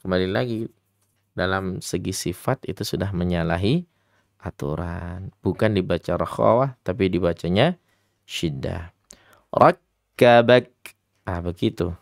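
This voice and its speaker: A man teaching Quran recitation to children in an interactive radio lesson, mixing brisk explanations with slow, drawn-out chanted examples and speaking to the children directly. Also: low-pitched, gravelly, no room sound, studio quality. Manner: addresses children directly, patient instructive tone.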